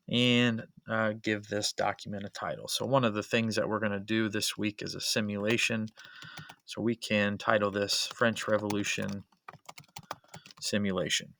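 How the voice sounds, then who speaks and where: A man's voice: lowish voice, pushed and bright, dry recording. A male history teacher narrating a screen-recording tutorial as a voice-over, explaining each step methodically with frequent "uh" and "um" fillers.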